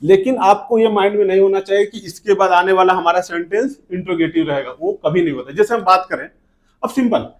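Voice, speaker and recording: A man with an Indian English accent teaching an English lesson, saying each example slowly and glossing it in Hindi. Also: high voice. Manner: slow, repeating words with Hindi glosses. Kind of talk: classroom lesson.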